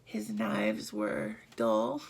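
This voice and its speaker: A woman vlogger telling a personal story in a halting, emotional way, often dropping to a near whisper. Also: very deep voice, completely flat delivery, gravelly.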